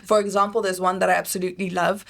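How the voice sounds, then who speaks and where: A Namibian actress in a round table discussion, explaining an acting warm-up step by step in an animated way. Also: female voice, on the low side, very fast, gravelly. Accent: Namibian English. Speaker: actor.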